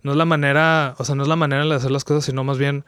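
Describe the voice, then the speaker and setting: Young Mexican man, podcast guest, rambling slangy storyteller, crisp, dry sound. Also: mid-range voice, level tone, racing, a bit bright, dry recording. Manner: slangy, rambling, many restarts. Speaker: podcast guest, video creator. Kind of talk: casual chat, retelling an anime plot.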